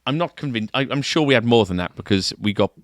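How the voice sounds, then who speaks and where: A man's voice: mid-range voice, lively intonation, quick pace, no room sound, clean studio sound. A man co-hosting a shop podcast, chatting casually and often ending remarks with tag questions. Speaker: podcast co-host at a guitar shop. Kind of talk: casual chat. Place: shop, indoors.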